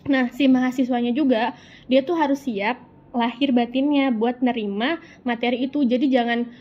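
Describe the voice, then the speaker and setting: A young university student from West Java, the Sundanese region of Indonesia, answers interview questions in a chatty, informal way, using Jakarta slang and lots of fillers. Her fairly high voice moves at normal speed with fairly even intonation. The audio is muffled and lo-fi, with faint background noise.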